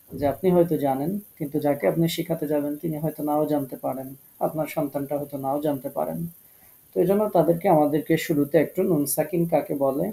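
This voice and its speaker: A man teaching an online Quran recitation class, explaining each point patiently and repeating key rules slowly. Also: a little high, vocal fry, mellow, rough recording. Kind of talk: online tajweed class lecture.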